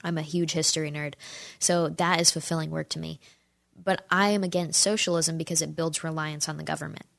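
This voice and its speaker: A woman's voice: deep voice, fairly even intonation, brisk, gravelly, fairly bright tone, dry recording, studio quality. A woman in her twenties giving an earnest, persuasive opinion talk and speaking straight to her viewers. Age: 20s. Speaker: commentator answering audience questions.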